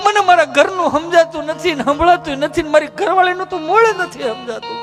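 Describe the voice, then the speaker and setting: A man's voice: very high voice, expressive, gravelly, over music, pitched above the performer's own voice, exaggerated voice. A man playing a weary, henpecked middle-aged husband who pleads his troubles. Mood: bewildered. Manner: pleading, drawn-out complaining.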